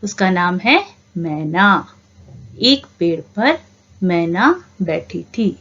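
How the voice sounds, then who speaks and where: A woman teaching a reading lesson to young children, asking the class questions and answering them herself in a patient, drawn-out way. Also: fairly low pitch, animated, fairly bright tone. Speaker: primary school teacher. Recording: dull lo-fi home recording.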